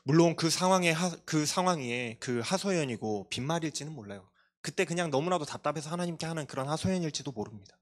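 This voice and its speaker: A man's voice: fairly high pitch, animated, fast talker. A male pastor giving a sermon to a youth congregation, earnest and confessional, with self-deprecating asides. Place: church.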